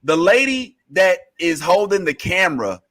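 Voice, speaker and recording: Bright high-voiced man riffing animatedly. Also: sing-song, normal speed. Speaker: podcast co-host. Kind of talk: casual reaction chat.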